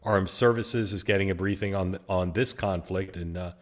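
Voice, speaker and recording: A man with a low voice and steady tone, speaking at normal speed, hosts a political talk show in a casual, easygoing way. He leads the discussion and puts questions to his co-hosts, using lots of filler sounds.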